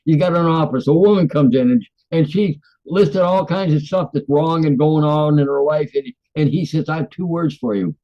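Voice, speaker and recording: Plainspoken older man, higher-pitched voice. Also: moderate pace, few pauses. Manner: plainspoken, repeats words as he searches. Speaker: regular co-host. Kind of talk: casual conversation. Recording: dull lo-fi sound.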